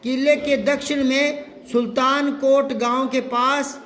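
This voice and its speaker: A man's voice: very high-pitched, little pitch movement, slow, fairly bright tone. A man teaching a Hindi grammar lesson, repeating words and firing questions at his students to drill them.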